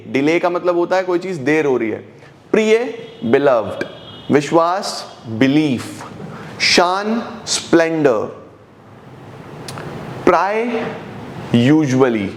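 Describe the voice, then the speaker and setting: A man with an Indian accent teaching a vocabulary lesson, saying each Hindi word and then its English meaning, often repeating it slowly. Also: on the high side.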